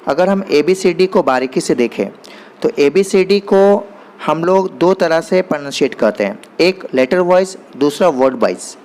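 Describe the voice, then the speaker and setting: A man teaching basic grammar, explaining in Hindi and reading definitions slowly and deliberately. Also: on the high side, animated, a little mellow. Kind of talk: explanatory lesson.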